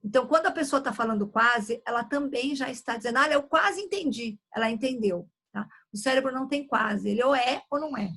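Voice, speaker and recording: Woman teaching a communication class, kinda breathy, keeps checking in with the group. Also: a little high, fast, few pauses, a bit bright. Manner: instructive, frequent "tá?" check-ins. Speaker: communication trainer. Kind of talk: live online workshop.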